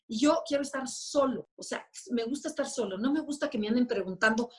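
A woman explaining personality types in a lively, conversational way, often acting out little quoted voices. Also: on the high side, fairly quick, breathy edge. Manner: animated, acts out quoted voices. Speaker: enneagram expert guest.

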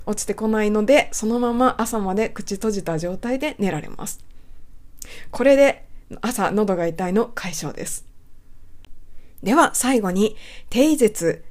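A woman's voice: medium pitch, a little mellow. A woman teaching English pronunciation, explaining politely step by step and whispering example words to model them. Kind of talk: explanatory lesson talk.

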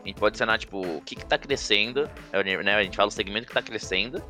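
A man's voice: fairly low pitch, fast talker, sharp tone. A Brazilian man hosting a casual, chatty podcast in slangy, informal speech, with music behind him. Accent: Brazilian Portuguese. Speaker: podcast host.

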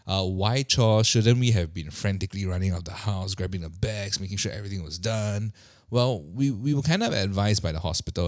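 A man's voice: low-pitched, no room sound, clean studio sound. A man in his thirties telling a personal story in a chatty, self-deprecating way, often repeating words as he restarts.

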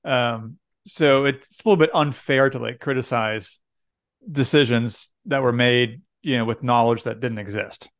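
A man's voice: medium pitch, unhurried, no room sound, studio quality. A middle-aged man, a pastor co-hosting a podcast, talking casually with lots of fillers and easy laughs. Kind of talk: casual chat.

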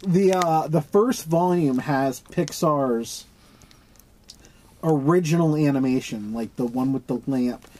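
A man's voice: on the high side, slow, darkish tone, a little hiss or hum, poor audio. A man co-hosting a podcast, chatting casually and joking at his own expense. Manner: laughing through hiccups, self-mocking. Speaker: podcast co-host. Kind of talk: casual chat.

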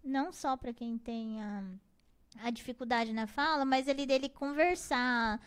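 Chatty high-voiced Brazilian mother. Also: a little slow, smooth. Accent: Brazilian Portuguese. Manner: animated storytelling, acts out her kids, laughs often. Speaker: guest, mother of four. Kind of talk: casual interview chat.

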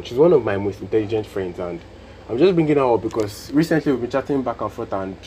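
Nigerian man, low voice, casual podcast talk. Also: darkish tone, slight background noise, low-quality recording. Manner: earnest, repeats points for emphasis. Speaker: podcast host.

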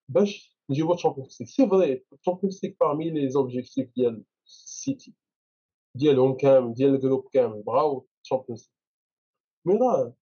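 A man's voice: on the high side, dark tone, breathy edge. A man with a Moroccan accent giving opinions in a casual football discussion, mixing in French phrases, on a slightly dull recording.

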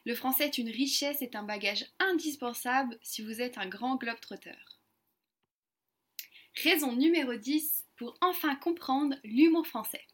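A woman, host of an online lesson, talking to viewers in a friendly, clear way. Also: high voice, unhurried. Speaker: French teacher and channel host.

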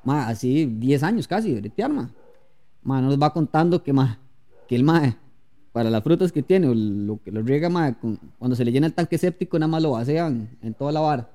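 A man's voice: medium pitch, lively intonation, a little fast, mellow. A man with a Costa Rican accent, co-hosting a podcast and telling slangy anecdotes in casual chat. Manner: slangy, laughs often, tells anecdotes. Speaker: podcast co-host.

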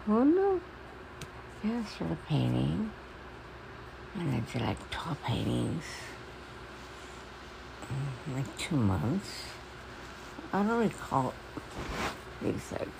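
A woman with toothless, gummy articulation, as if gumming soft food, rambling in a halting, repetitive, confiding monologue. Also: sits low, gravelly, very noisy. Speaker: personal podcaster. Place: at home.

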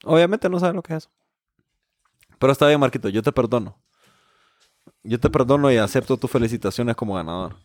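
A man's voice: medium pitch, animated, a little fast, long pauses, dry recording, clean studio sound. A man, bantering and teasing his friends as a podcast co-host and quiz contestant. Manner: teasing, mock-formal. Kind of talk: casual banter among friends.

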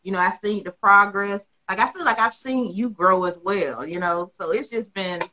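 A woman hosts a loose conversation, emphatic and outspoken, swearing without a second thought. Her voice comes across bright and sharp. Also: mid-range voice, normal speed, dull audio, a little hiss or hum. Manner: blunt, emphatic, swears freely. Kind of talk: casual chat.

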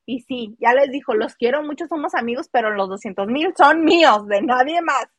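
A woman with a Mexican accent dishes gossip in a loose, animated chat, slipping into other people's voices as she retells scenes. Her voice sits a bit high. The sound is close and dry, with no room around it. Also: normal speed, slightly rough, dry recording. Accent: Mexican Spanish. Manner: animated, mimics people in quotes. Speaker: host.

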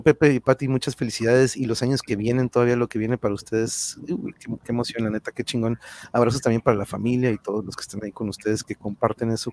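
A man's voice: medium pitch, darkish tone, a little hiss or hum. A man with a Mexican accent chatting casually to livestream viewers as channel host, slangy and thankful in the way he talks.

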